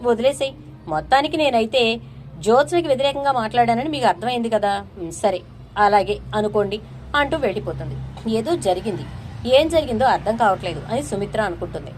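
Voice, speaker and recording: Female narrator recapping a soap episode, slightly high voice, faint hiss behind. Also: animated, brisk, darkish tone. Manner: acts out characters' lines in quoted dialogue. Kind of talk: retelling a TV serial episode.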